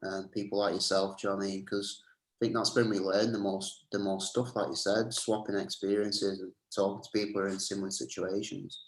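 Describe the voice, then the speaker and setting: A man's voice: on the low side, little pitch movement, a little fast, slight background noise. A man, a health trainer giving easygoing advice over a video call, with plenty of "um" fillers. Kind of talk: casual advice chat. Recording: roomy echo.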